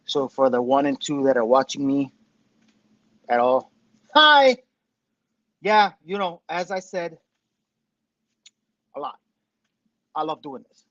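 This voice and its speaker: A man's voice: mid-range voice, takes it slowly, long pauses, a bit bright, dry recording. A man in his fifties hosting a casual livestream, rambling, self-deprecating and profane, with dull, tinny sound from a Bluetooth headset. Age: 50s. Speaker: host of a commentary show. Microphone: Bluetooth headphones' microphone.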